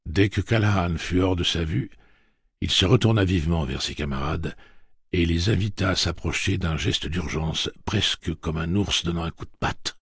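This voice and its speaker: A male audiobook narrator with a very low voice. His tone is husky and gravelly, read in a measured way with dry studio sound. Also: dry recording.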